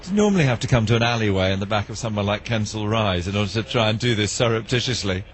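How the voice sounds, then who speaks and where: A male radio documentary presenter with a lively, up-and-down delivery and a curious, questioning manner. A faint background noise sits under his voice. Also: fairly low pitch, very fast.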